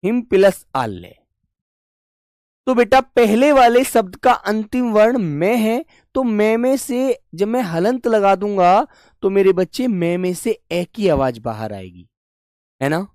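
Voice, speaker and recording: A young man teaching a live online Hindi class, patient and deliberate, repeating each point and calling students his dear children. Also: high voice, expressive, darkish tone, no echo, clean studio sound. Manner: slow and deliberate, breaks words into parts.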